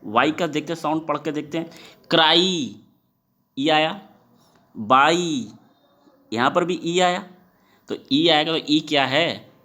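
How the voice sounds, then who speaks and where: A man's voice: on the high side, normal speed, a bit bright. A man who teaches students in a classroom-style lesson, often putting questions to the class and stretching words to stress their sounds.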